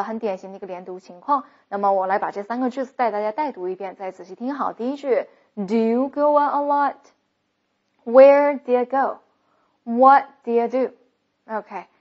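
A woman English teacher explaining pronunciation rules briskly and slowing down to model example sentences. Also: a little high, a little mellow. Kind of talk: recorded pronunciation lesson. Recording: muffled lo-fi recording.

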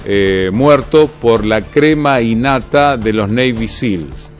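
A man's voice: medium pitch, lively intonation, slow pace, soft background music. A man anchoring the news, commenting conversationally in the studio with frequent fillers. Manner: conversational, explanatory, many fillers.

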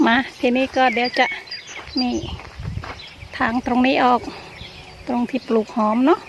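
Older woman vlogging outdoors, higher-pitched voice. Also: fairly even intonation, measured pace. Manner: chatty show-and-tell, often pointing things out. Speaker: gardening vlogger. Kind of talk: casual vlog chat while gardening. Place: outdoors in a rural garden. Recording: outdoor recording with clear background noise.

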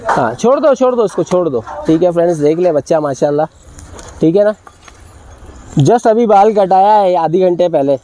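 A man hosting a casual video tour of a goat farm outdoors, talking in a lively, teasing way with cheerful exclamations. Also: high voice, moderate pace, long pauses, slight background noise. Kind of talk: casual on-location farm chat.

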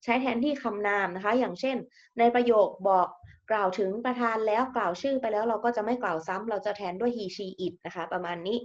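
A woman's voice: medium pitch, a little fast, dull audio. A woman teacher giving a recorded grammar lesson, explaining English terms and often repeating words.

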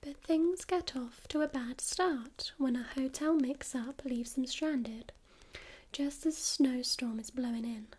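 A woman voicing a friendly, patient librarian in a whispered role-play, speaking in a soft, soothing library whisper. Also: high voice, a little slow, breathy edge. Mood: hushed, suspenseful. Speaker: ASMR performer playing a librarian.

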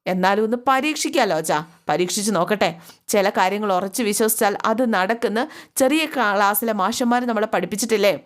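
A woman's voice: medium pitch, brisk, lightly acted. A woman reading the lines of a firm, determined young wife who stands up to her father-in-law. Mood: resolute. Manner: firm, resolute.

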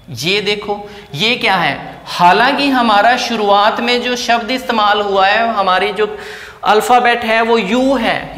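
With a high-sitting, bright and forceful voice, a man lectures his class on English, moving step by step and throwing out rhetorical questions. The classroom sounds echoey, with long reverb.

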